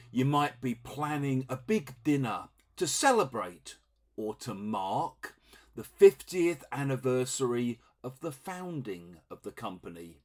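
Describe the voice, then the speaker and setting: Speaking at a medium pitch, this middle-aged Englishman teaches English vocabulary in an easygoing, chatty way. He performs short sample conversations to show how words are used.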